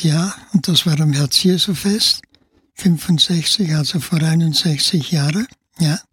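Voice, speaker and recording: A husky, slightly raised voice from an elderly man in his nineties, a priest with a Spanish accent speaking German in a radio interview. He talks haltingly, restarting phrases and dropping in "ja". The studio sound is close and dry. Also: a little high, no room sound. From Spain. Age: 90s. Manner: halting, with frequent filler "ja" and restarts. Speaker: priest guest.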